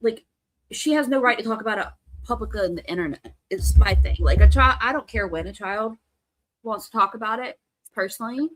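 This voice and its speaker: A woman hosting a live reaction stream in casual, animated chat, quick to laugh. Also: fairly high pitch, slight background noise. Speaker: livestream host.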